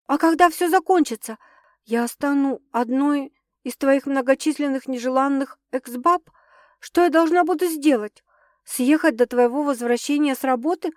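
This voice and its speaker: A flustered, dramatic young woman bursts through this audiobook scene, her lines pitched high and pushed loud, as a woman reader takes her on. The sound is dry and close, with no room around it. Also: moderate pace, dry recording, natural voice. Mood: agitated. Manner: excitable, exclaiming, higher and louder than narration.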